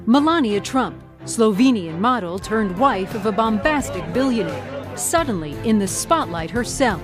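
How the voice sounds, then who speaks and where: A woman hosting a news documentary in measured, dramatic scripted narration. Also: medium pitch, expressive. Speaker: documentary host. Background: music.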